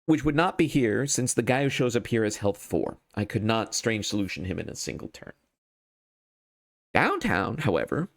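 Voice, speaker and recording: A man's voice: lowish voice, creaky. A man thinking aloud as he hosts a solo card game playthrough, casual and wryly self-deprecating.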